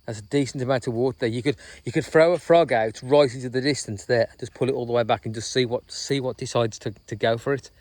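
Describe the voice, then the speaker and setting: A chatty man talks in a loose, rambling way while walking outdoors by a reservoir, often tagging on "you know what I mean". His voice sits at a middle pitch and sounds dry and close to the mic. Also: fairly even intonation, quick pace, hardly any pauses, darkish tone, no room sound. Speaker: vlogger. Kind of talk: casual walking vlog chat.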